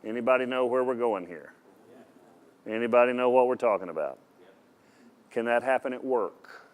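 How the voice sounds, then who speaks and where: A male pastor delivers a sermon with emphatic, direct energy, pausing to ask his audience questions. His pitch sits in the ordinary middle range for a man, and he tends to repeat words as he drives his points home.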